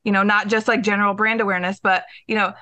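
A woman's voice: mid-range voice, little pitch movement, fast talker, sharp tone, no room sound. A woman on a marketing team, talking casually and often filling with "like" and "you know". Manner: chatty, lots of "like" and "you know". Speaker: campaign team member. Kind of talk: casual podcast chat.

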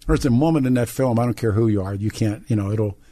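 This radio talk show host, an American man, speaks quickly in a lowish, mellow voice on a dry recording from the studio. Running a conversational call-in show, he tends to repeat himself and restart his phrases.

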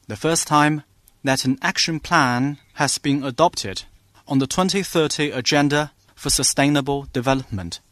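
A man speaking as a live interpreter, rendering a formal official speech into English in a measured way. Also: fairly high pitch, a bit bright, no room sound. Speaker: simultaneous interpreter.

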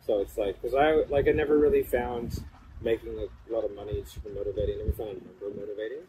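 Guy with a lowish voice just rambling casually on a podcast, pretty noisy behind him. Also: steady tone, fast talker, warm tone. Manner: rambling and informal, with casual swearing. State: cold, in an ice bath. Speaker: podcast speaker. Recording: clearly noisy background hum.

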